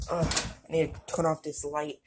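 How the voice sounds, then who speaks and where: A woman vlogging casually while in burning pain from a hot pepper, stammering and halting with many fillers. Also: sits low, background noise. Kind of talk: casual vlog.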